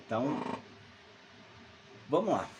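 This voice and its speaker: Home alone, a Salvador native in his fifties shares a casual, spooky childhood story, rambling and restarting often with plenty of fillers. His medium-pitched, slightly mellow voice swings widely in pitch and moves slowly, with slight background noise.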